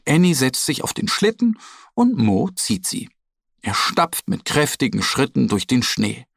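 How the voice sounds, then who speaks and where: A man reading a children's story aloud in a slow, lively, expressive way. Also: medium pitch, vocal fry, dry recording, clean studio sound.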